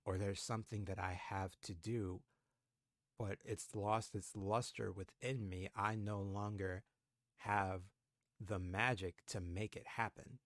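Co-hosting a podcast, a man in his twenties muses casually and thoughtfully, leaning on frequent fillers. He has a fairly low, slightly bright voice, captured at studio quality with no room sound.

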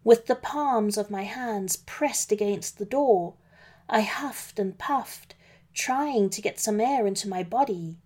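A woman narrating a children's storybook in the first person, in a gentle, unhurried reading voice. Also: medium pitch.

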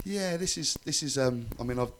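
A man's voice: mid-range voice, brisk, slight background noise. A man, a singer chatting casually as a radio guest in a colloquial, rambling way. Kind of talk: casual chat.

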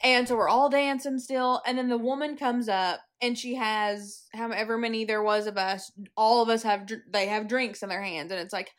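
A woman's voice: a little high, fairly even intonation, normal speed, hardly any pauses. A young woman with a Missouri accent, a podcast co-host telling a story in casual chat. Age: young adult. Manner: storytelling, acts out others' lines.

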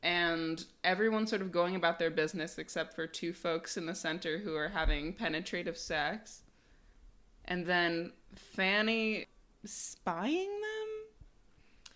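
A woman's voice: on the low side, fairly even intonation, moderate pace, few pauses, a bit bright. A woman co-hosting a podcast in casual chat, dry and amused with giggly asides. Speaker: podcast co-host.

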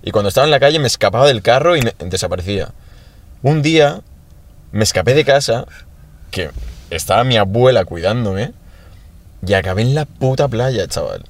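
A man chats in a relaxed, easy way. He swears freely and closes nearly every phrase with a slangy address to his friends. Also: medium pitch, brisk, pauses often. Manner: laid-back, peppered with "tío" and swearing. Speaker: podcast co-host. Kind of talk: casual chat.

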